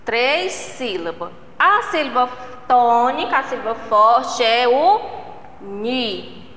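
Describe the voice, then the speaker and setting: A Brazilian woman teacher gives a recorded lesson for young children, slow and patient, stretching out syllables and checking in often. Her voice is slightly high and bright. It rings in an echoey room with a long reverb tail. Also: big pitch swings, a little hiss or hum. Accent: Brazilian Portuguese. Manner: slow, patient, drawing out syllables and asking "né?" and "certo?". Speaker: primary school teacher.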